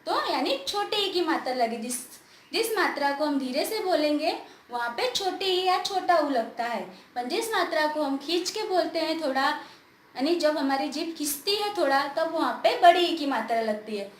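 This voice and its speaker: A woman teaching a grammar lesson to children, asking questions and answering them herself, drawing words out slowly to show how they sound. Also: sits high, animated, echoey room, slight background noise.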